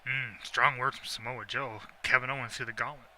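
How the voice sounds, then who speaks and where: A man's voice: mid-range voice, fairly even intonation, a little fast, pushed and bright, slight background noise, low-quality recording. A man co-hosting a wrestling video game stream, joking around and swearing freely in casual commentary. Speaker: co-host and player.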